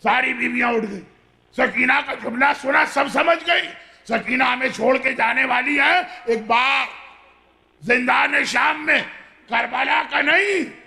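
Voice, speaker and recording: High-pitched preacher guy, sharp gravelly voice, fiery mourning sermon that keeps getting shouty. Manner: impassioned, declamatory storytelling with frequent shouted rises. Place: Islamic center gathering hall.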